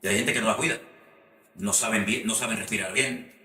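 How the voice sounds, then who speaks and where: Pastor, echoey. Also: male voice, fairly low pitch, brisk, bright, forceful tone, distant mic. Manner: repeats phrases, asks rhetorical questions. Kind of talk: sermon teaching on preaching.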